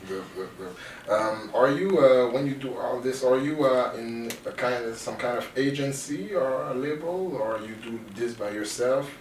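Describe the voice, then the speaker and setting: A man hosting a radio interview, asking questions haltingly with many fillers and short casual replies. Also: mid-range voice. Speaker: radio show host. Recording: roomy, distant from mic, faint noise.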